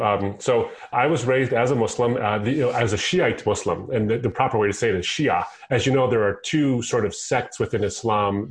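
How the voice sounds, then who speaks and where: A middle-aged American man, a guest on the line, telling his own story in an earnest, conversational way. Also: fairly low pitch. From United States. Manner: earnest storytelling, quotes himself in asides. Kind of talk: conversational interview. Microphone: phone line.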